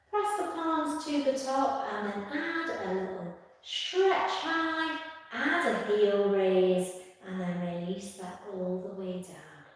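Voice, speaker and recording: A woman leading a tai chi class with serene, calm, encouraging cues and gentle guided exercise instruction. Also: mid-range voice. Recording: very echoey hall, distant from mic.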